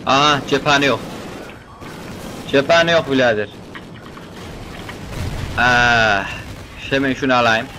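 A young man commentating his own game playthrough, joking, excitable and chatting to the characters on screen. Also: medium pitch, slow, long pauses, slight background noise. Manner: keeps saying "brother" as a filler. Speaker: gaming video host.

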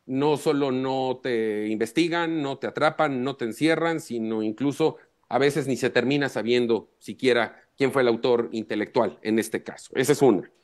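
A man, a journalist guest on a live talk show, giving measured and emphatic analysis. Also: mid-range voice.

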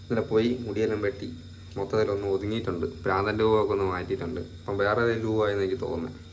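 Fast-talking man chatting to his vlog viewers. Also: fairly low pitch, fairly even intonation, slight background noise. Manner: chatty, addresses viewers directly. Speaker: family vlogger. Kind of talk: casual vlog chat to camera.

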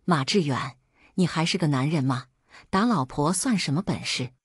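A woman doing a brave young servant man, earnest and urging, husky voice, lively rise and fall, dry close sound. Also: low voice, moderate pace, dry recording, full character voice. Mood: indignant.

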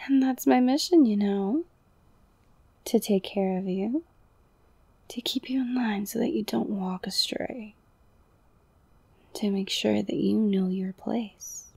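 A young woman whispering an intimate ASMR roleplay, slow and soothing, softly domineering and coaxing. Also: medium pitch, gravelly, breathy edge, dry recording. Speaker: audio roleplay performer.

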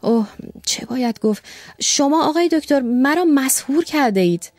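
A woman reading an audiobook, voicing an eager young male secretary who gushes with excitement. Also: high-pitched, no echo, pitched above the performer's own voice. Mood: gushing. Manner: gushing and breathless with joy.

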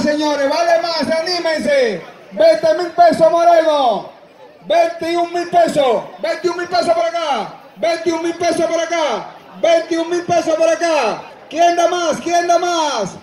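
A man with a Dominican Spanish accent working as a livestock auctioneer, loudly and insistently calling bids, repeating figures and urging buyers on. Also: extremely high pitch. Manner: loud, insistent, projecting to a crowd. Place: open-air livestock show ring among a crowd. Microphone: public-address microphone, picked up by a spectator's camera. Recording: echoing outdoor PA with crowd around.

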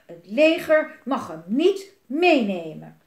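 A woman's voice: high-pitched, lively intonation, normal speed, dark tone, voice pushed up. Earnest young boy, read by a woman; roomy sound. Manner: childlike, earnest. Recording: roomy echo.

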